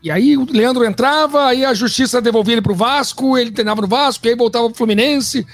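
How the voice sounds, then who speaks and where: A man's voice: very high voice, fast, no room sound, faint music behind. A Brazilian man working as a sports interviewer, talking casually with his guest. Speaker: sports interviewer and match narrator.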